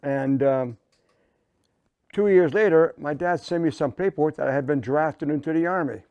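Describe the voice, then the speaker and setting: Seventies man, raised in Massachusetts, guest in a studio interview; mellow, dry close sound, loose anecdotal delivery. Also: on the high side, moderate pace, no echo. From Canada, raised in Massachusetts. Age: 70s. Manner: rambling, folksy anecdotes with restarts. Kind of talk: casual storytelling interview. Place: indoor studio set, seated.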